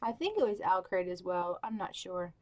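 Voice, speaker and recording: A woman's voice: lowish voice, animated, moderate pace. Chatty young woman gushing over books. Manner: gushing, filler-heavy, with many "like" and "um". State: has the hiccups. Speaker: book vlogger. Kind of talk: casual chat to camera.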